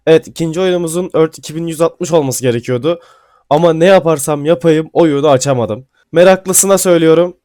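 A man giving casual gameplay commentary, excitable and swearing casually, then dropping to mumbling asides. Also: on the high side, dry recording. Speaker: gaming YouTuber. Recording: faint music behind.

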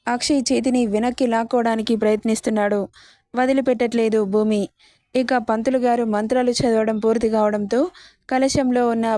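A woman narrating a serialized romance story with steady, expressive pacing. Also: fairly high pitch, no room sound, studio quality.

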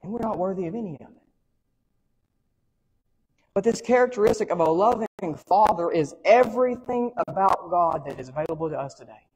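A man's voice: sits high, lively intonation, brisk, pauses often, a little mellow, breathy edge, long reverb tail, rough recording. A male pastor from the preaching an earnest sermon and repeating phrases for emphasis.

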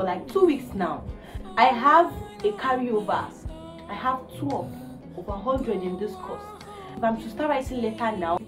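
A young woman with a Nigerian accent vlogging at home, ranting about a hard week with exasperated, animated talk. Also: a little high. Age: young adult. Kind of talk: casual vlog rant. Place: indoors, living room. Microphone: phone camera.

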